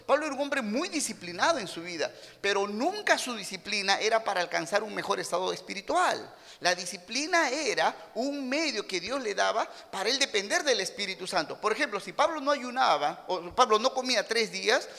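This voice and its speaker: Animated pastor with a gravelly voice. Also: male voice, sits high, a little fast, hardly any pauses, big-room sound. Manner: animated preaching, acting out quoted people in character voices; punchy boxing-style exclamations. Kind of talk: sermon. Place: church sanctuary.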